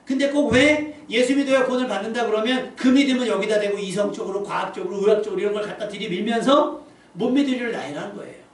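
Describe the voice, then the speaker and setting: A man's voice: high-pitched, quick pace. A man preaching a sermon as pastor in a church, conversational, asking the congregation rhetorical questions. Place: church sanctuary. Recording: echoey church hall from a distance, faint room noise.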